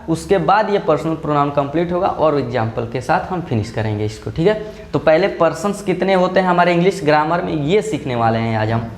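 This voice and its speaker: A male school teacher giving a slow classroom grammar lesson. He explains step by step and keeps checking that the class follows. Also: on the high side.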